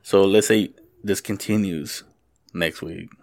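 A man's voice: sits low, steady tone, slow pace, gravelly, a little mellow. A man co-hosting a podcast in casual chat, teasing and swearing freely. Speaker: podcast co-host.

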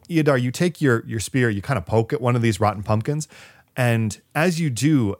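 A man narrating a tabletop game as game master, telling the story in a dramatic way. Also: on the low side. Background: music.

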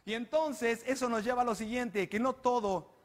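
A man's voice: very high voice, moderate pace. A man with a Mexican accent presenting a comedy segment, joking in slang and teasing the studio crew. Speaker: guest presenter of a comedy panel show. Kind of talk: comedic show commentary.

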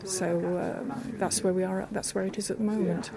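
A woman's voice: medium pitch, level tone, fairly quick, gravelly. A woman being interviewed at a trade show, stressing her points and repeating them. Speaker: interview guest. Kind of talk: casual interview. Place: busy exhibition hall. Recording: loud crowd noise behind.

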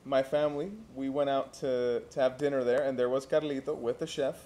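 A young man from Santiago, co-hosting a casual chat and telling stories in a relaxed way, with laughs and restarts. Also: mid-range voice, fairly quick. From Santiago, Dominican Republic. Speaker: co-host.

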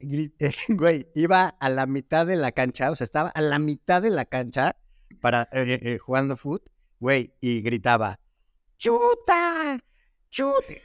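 A man's voice: mid-range voice, normal speed, no echo. Laid-back Mexican man, dry close sound. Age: late 30s. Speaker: podcast co-host. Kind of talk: casual chat.

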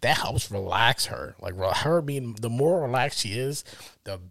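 A tipsy man co-hosting a casual podcast, his pitch swinging widely as he talks. He is loud and profane, laughs often, and acts out the people he quotes in quick bursts. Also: expressive, gravelly, dry recording. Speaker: podcast co-host. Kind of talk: casual adult podcast chat.

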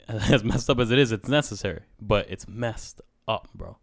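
A man's voice: fairly low pitch, normal speed, no echo, studio quality. A man talking casually and emphatically at length, peppering his speech with bro. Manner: emphatic, talkative, says "bro" often. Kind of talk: casual conversational talk.

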